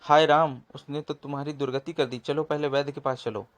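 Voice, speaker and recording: A man voicing a cunning, scheming village woman who wails and exclaims loudly in a comic storybook. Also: a little high, steady tone, brisk, voice pushed up, lightly acted. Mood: fussing. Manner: wailing, exclaiming.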